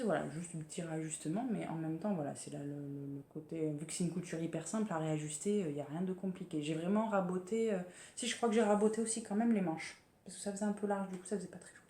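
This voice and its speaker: A woman's voice: lowish voice, mellow. Chatty French woman in an echoey room. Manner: chatty, hesitant, many fillers and restarts. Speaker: sewing vlogger. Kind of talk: casual sewing podcast chat. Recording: echoey room with faint ambience.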